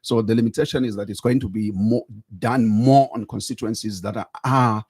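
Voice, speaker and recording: Low-voiced, husky Zambian male interviewer. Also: fairly even intonation, moderate pace, darkish tone, dry recording, studio quality. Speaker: interview host. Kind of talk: probing current affairs interview.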